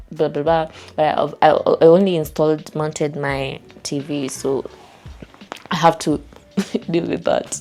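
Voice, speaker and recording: A young Kenyan woman with a Kenyan accent vlogging at home, retelling a dispute in an animated, exasperated way with laughs. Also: low-pitched. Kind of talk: casual storytelling vlog. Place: indoors at home, small room.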